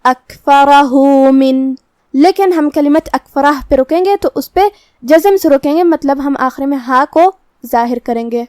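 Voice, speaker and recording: A woman teaching the rules of Quran recitation, explaining each rule calmly and methodically and reciting the verses slowly. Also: high voice, dry recording, studio quality. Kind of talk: tajweed lesson, explaining rules.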